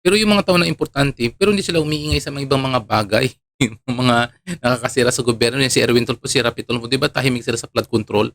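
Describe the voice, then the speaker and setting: Man from palawan, online commentator, chatty, chuckling, mid-pitched. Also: fast, fairly bright tone, no echo. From Palawan, Philippines. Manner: chuckling, chatty, many fillers. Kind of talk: casual commentary.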